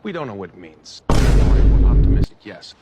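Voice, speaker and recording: A man's voice: on the low side, sing-song, moderate pace. A man playing a cocky, boastful space adventurer who jokes constantly. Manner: boastful, joking. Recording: film clip with loud battle noise.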